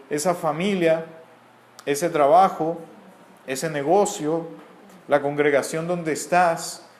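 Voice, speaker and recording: A man's voice: on the high side, a little mellow, echoey room. A man from Mexico with a Mexican accent, giving an earnest, repetitive Bible teaching. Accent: Mexican Spanish.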